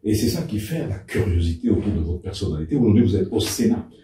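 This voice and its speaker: A man's voice: low-pitched, lively intonation, fast talker, mellow. A male journalist asking probing questions and prompting his guest with short interjections. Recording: echoey room, distant mic, faint noise.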